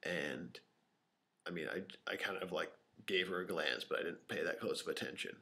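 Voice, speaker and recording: Deep-voiced young man rambling to camera. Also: moderate pace, gravelly, sharp tone. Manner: rambling, many fillers, drops to a whisper at times. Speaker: vlogger. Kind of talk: unscripted casual storytelling to camera. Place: small empty room with open windows. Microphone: camera microphone.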